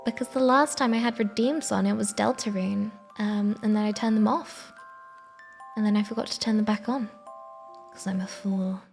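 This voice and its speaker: A woman streamer chatting casually in a sleepy, soft, meandering way. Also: medium pitch, steady tone, normal speed, vocal fry. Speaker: live streamer. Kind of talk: casual rambling livestream chat. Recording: soft background music. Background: quiet background music.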